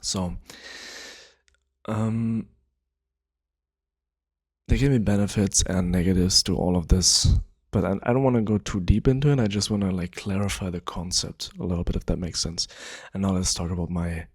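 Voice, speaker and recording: A man giving a relaxed, rambling explanation of a game concept, full of fillers and loose asides as he talks. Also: low voice, moderate pace, breathy edge, no room sound, clean studio sound. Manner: laid-back, rambling, many fillers. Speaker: gaming video creator. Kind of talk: casual explainer monologue.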